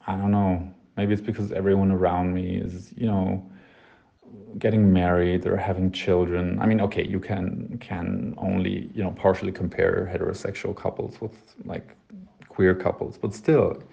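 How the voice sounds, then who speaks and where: Late-twenties German man, casual voicemail, halting and self-deprecating, gravelly low voice. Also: flat delivery, muffled recording. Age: 20s. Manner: rambling, hesitant, full of fillers and restarts; self-deprecating, soft laughs. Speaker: voicemail sender. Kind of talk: casual voice message.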